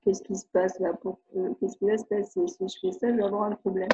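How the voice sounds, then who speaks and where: Reading viewer questions aloud during a live video-conference webinar, a French-accented woman educator answers chattily and hesitantly, often restarting. Her voice is medium-pitched and warm, fairly quick, with fairly even intonation. It's captured by a computer mic on a video call, muffled and roomy, with slight background noise.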